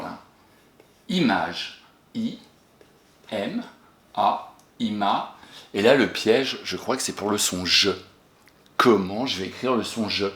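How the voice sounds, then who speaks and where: A man's voice: mid-range voice, a bit bright, reverberant. A man with a French accent, a primary school teacher giving a remote spelling lesson to young children, patient and encouraging, asking questions and praising often.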